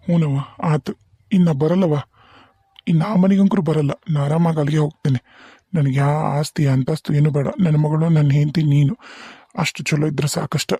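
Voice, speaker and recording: A man's voice: fairly high pitch, fairly even intonation, fairly quick, slightly rough, no room sound, studio quality. A man voicing a worried middle-aged village father in a hospital bed in a cartoon, with a North Karnataka Kannada accent. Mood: tender. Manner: gentle, pleading, rises when alarmed. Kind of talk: cartoon voice acting.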